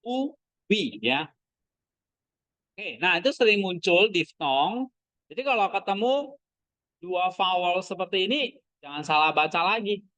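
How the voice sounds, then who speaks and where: Male teacher, classroom lesson, slow deliberate delivery, dry close sound. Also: high voice, lively intonation, pushed and bright, no room sound, rough recording. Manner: quizzing students with short questions. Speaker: Greek language teacher.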